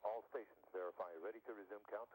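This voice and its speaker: A man's voice: on the low side, steady tone, fast talker, a little mellow, breathy edge. A man running a procedural status check over crackly space-mission radio, in clipped, businesslike call-outs. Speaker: launch test director. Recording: crackly narrow radio link.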